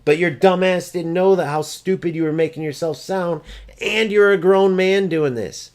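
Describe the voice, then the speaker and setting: A man's voice: high-pitched, moderate pace, a little mellow. A man ranting over gameplay footage, exasperated, profane and mocking as he vents about an opponent. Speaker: gaming streamer.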